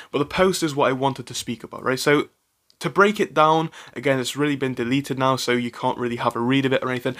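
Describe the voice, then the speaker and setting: Chatty man giving stock commentary. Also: medium pitch. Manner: chatty, animated, with frequent fillers and self-corrections. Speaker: stock commentary channel host.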